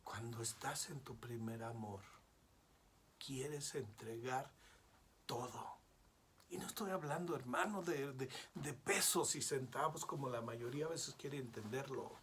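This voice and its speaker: A man preaching a sermon as pastor, swinging from hushed whispers to loud cries and calling out to his listeners as brothers. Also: medium pitch, unhurried, a little hiss or hum. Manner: repeatedly addresses listeners as brothers.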